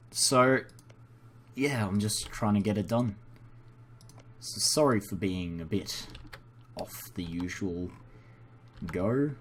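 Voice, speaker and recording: A faint hiss or hum sits under this young man's low voice. As host of a gaming video recorded indoors at a computer, the native English speaker rambles through casual, unscripted game commentary, self-deprecating and apologetic throughout.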